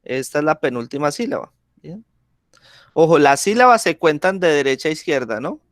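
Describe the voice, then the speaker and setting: A man's voice: a little high, big pitch swings, no room sound, clean studio sound. A man teaching a grammar lesson over a video call, speaking patiently and checking in with the class often. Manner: slow, patient, checks in with frequent "¿sí?".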